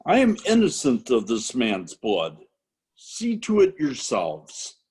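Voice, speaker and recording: A man's voice: medium pitch, wildly swooping pitch, slow, a little mellow, slightly rough, full character voice. A man playing a Roman governor in an amateur dramatic scripture reading, questioning in an emphatic, declamatory way over a video call. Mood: firm, resigned. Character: Pilate, male Roman governor, commanding and questioning. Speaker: amateur church reader.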